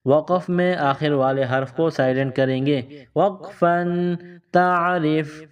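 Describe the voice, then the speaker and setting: A man teaching children to read Quranic letters, explaining each rule and then sounding out syllables slowly and repeating them twice. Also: on the high side, darkish tone, clean tone. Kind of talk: slow spelled-out recitation lesson for kids. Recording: dull lo-fi sound from a distance.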